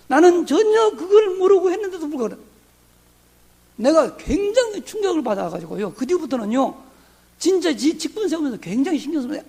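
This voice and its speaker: A man's voice: extremely high pitch, gravelly, a little mellow, slightly rough. A middle-aged man from Korea's southwest, a pastor, preaching a sermon in a conversational way with many rhetorical questions. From Honam region, Korea.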